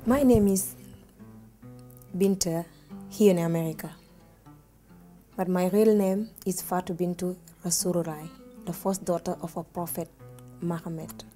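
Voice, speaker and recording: A woman's voice: fairly low pitch, steady tone, unhurried, pauses often, mellow, faint music behind. A woman from Senegal with a Senegalese accent, answering interview questions in plain, simple English as a non-native speaker. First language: Wolof or other Senegalese language. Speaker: guest. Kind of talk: casual interview.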